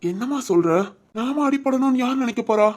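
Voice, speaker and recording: A woman's voice: high-pitched, expressive, moderate pace, a little mellow. A woman voicing a loving, anxious young husband and father in a cartoon family drama, talking in an emotional, protective way. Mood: reassuring.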